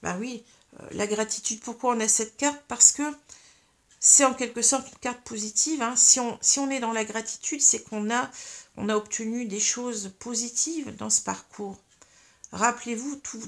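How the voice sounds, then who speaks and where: Gravelly-voiced woman giving a tarot reading. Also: a little high. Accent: French. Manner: hesitant, many fillers and tags like "hein" and "vous voyez". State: has hiccups. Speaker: tarot card reader. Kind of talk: spiritual tarot reading to viewers.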